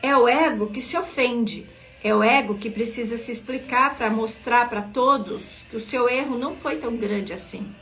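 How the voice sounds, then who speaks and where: A woman's voice: a little high, moderate pace, fairly bright tone, faint music behind. Earnest woman leading a devotional. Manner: earnest, asks listeners questions directly. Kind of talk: devotional teaching reading from a book.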